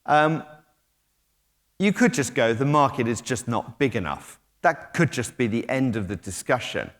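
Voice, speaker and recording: Pacing the stage with a stage mic, a middle-aged British technology executive gives a relaxed conference keynote, peppered with ums and restarts. His mid-range, somewhat bright voice swings widely in pitch and never hurries, and the hall adds a long reverb.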